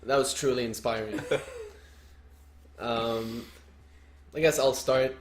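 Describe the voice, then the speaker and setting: A young man from Lebanon co-hosting a soccer coaching podcast, relaxed and dry-humored. His voice sits at a middle pitch, and he is recorded in a roomy, echoey space. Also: takes it slowly. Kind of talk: casual podcast chat.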